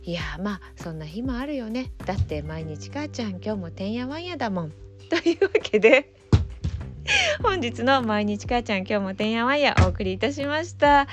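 A high-voiced woman hosts a casual solo podcast as a mother, flustered and laughing while she pleads with her small child to let her talk. Music plays clearly in the background. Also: expressive, a little fast.

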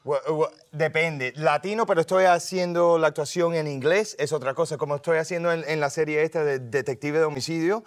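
A man's voice: on the high side, steady tone, fairly quick, hardly any pauses, dry recording, studio quality. A middle-aged male actor chatting casually as an interview guest, easygoing and mixing Spanish with English.

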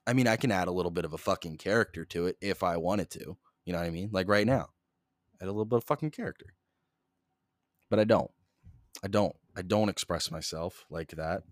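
Sitting low in pitch and talking briskly, this young solo podcast host stays close to the mic with no echo. His delivery is a flat, rambling monotone, packed with swearing and abrupt topic jumps.

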